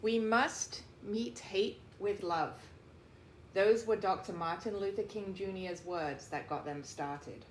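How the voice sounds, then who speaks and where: In a roomy recording with faint background noise, a woman with a medium-pitched voice reads a picture book aloud the way a teacher would. Her phrasing is deliberate and emphatic, and she adds explanatory asides.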